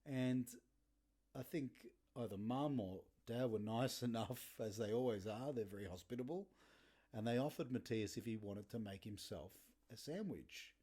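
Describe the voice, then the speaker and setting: A man in his thirties hosts a podcast, casually telling blunt, sweary stories and laughing often. His mid-range voice is warm and husky, at a moderate pace, in a casual storytelling monologue.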